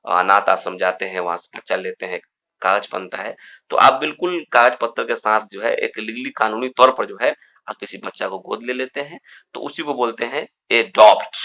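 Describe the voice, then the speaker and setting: A man's voice: on the low side, vocal fry, pushed and bright. A male teacher explaining confusable English words to students, repeating them over and over and calling his students babu. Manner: repetitive, drills words, addresses students as babu. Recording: dull lo-fi recording.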